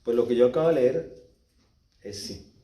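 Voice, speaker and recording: A man with a Colombian Spanish accent preaching a sermon as pastor, swinging between loud exhortation and quiet low asides. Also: animated, normal speed, far from the mic. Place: church. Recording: echoey church hall, speaker off-mic at times.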